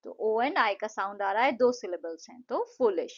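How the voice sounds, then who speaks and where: A woman explaining an English lesson to children, patiently repeating words slowly to show their syllables. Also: medium pitch, lively intonation, muffled recording. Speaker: English tutor.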